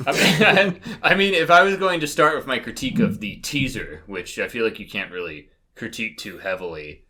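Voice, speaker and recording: As a podcast panelist, a man talks casually and shares opinions, rambling, hedging, and often cutting into his own sentences. His lowish voice is animated and fairly quick, with a bright, forceful tone.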